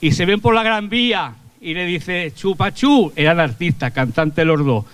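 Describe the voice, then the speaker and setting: A man's voice: a little high, normal speed, fairly bright tone, clean tone, dry recording. An older male stage comedian and singer telling chatty, crude jokes live on a theatre stage with a handheld mic. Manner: chatty, folksy storytelling with crude slang. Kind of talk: live stand-up joke telling.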